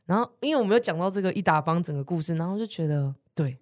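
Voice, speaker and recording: Lively woman telling stories. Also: fairly low pitch, racing. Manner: animated storyteller, swears, laughs often, acts out quoted people. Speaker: podcast co-host. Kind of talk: casual chat, storytelling.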